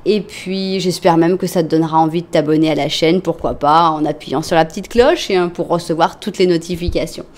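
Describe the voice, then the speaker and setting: A woman reading tarot cards for online viewers in a casual, chatty way, with many fillers and self-corrections. She speaks directly to the listener in a gentle, reassuring way. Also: sits low, fairly quick, hardly any pauses. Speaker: tarot card reader.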